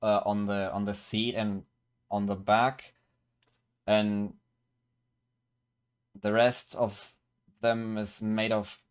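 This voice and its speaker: A man serving as game master for a tabletop game describes scenes slowly, his narration full of fillers and restarts as he looks for the right words. He speaks in a lowish, smooth voice with flat delivery.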